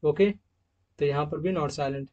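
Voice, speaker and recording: A man teaching pronunciation from slides, addressing viewers as friends and repeating example words slowly. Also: on the high side, a little mellow, dull audio. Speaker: English teacher. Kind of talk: slide-based pronunciation lesson.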